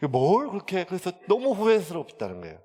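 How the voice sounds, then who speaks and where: A man's voice: high-pitched, wildly swooping pitch, fairly quick, darkish tone. A male pastor, chattily telling a story in a sermon, full of fillers. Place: church sanctuary. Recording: long church hall reverb.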